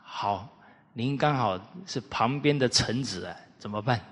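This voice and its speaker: A man lecturing on the classics, telling historical anecdotes in an animated way and putting rhetorical questions to his listeners. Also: medium pitch, a little slow. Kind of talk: storytelling lecture. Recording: reverberant hall.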